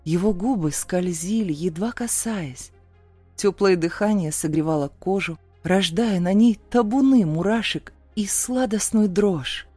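A woman narrating a first-person romance audiobook in a soft, intimate storytelling manner. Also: medium pitch, unhurried, dry recording, faint music behind.

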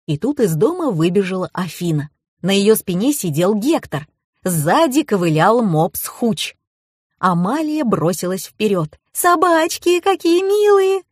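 A woman reading a novel aloud as a lively, expressive first-person audiobook narrator on a close mic. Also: mid-range voice, a little slow, breathy edge, dry recording.

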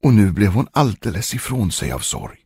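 A man reading a fairy tale aloud in a lively, expressive way. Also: on the low side, slightly rough, no echo. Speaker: storyteller.

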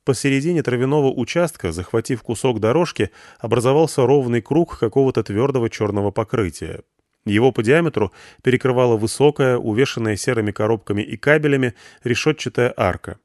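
A man reading an audiobook narration with expressive, varied intonation. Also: mid-range voice, brisk, no echo, studio quality. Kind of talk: scripted narration.

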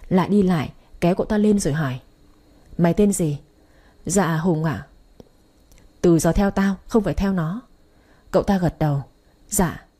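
A woman narrating a story in a steady, dramatic way. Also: lowish voice, slightly rough.

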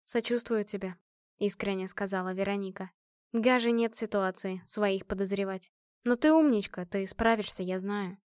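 A woman voicing a smart woman scholar who talks in an instructive, gently teasing way. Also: medium pitch, moderate pace, clear, resonant tone, no room sound, studio quality, natural voice. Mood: soft.

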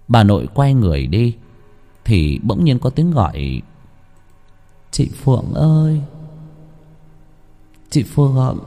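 A man narrating a village ghost story in a hushed, suspenseful storytelling manner. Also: medium pitch, slightly rough.

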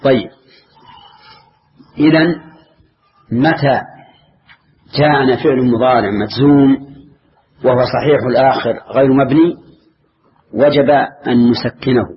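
A man's voice: medium pitch, unhurried, pauses often, slight background noise. An older man teaching a grammar lesson, repeating key phrases and quizzing his students. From Saudi Arabia. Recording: dull lo-fi lecture recording.

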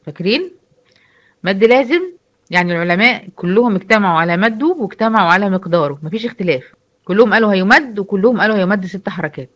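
A woman with an Egyptian accent gives a brisk online lesson, moving quickly through her points. Her voice sits in a middle range. She keeps asking the class questions and answering them herself. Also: medium pitch, animated, a bit bright. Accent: Egyptian Arabic. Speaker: Quran recitation teacher. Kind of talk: online lecture.

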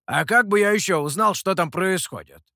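A man's voice: high voice, moderate pace, creaky, sharp tone, dry recording, voice pushed up, exaggerated voice. A man voicing a brash, playful male monkey demon who boasts and teases, read in a very dry, close sound. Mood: boastful. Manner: boastful and teasing.

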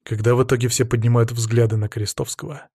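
Calm guy narrating an audiobook in first person, steady, dry sound. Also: mid-range voice, quick pace, slightly rough, dry recording.

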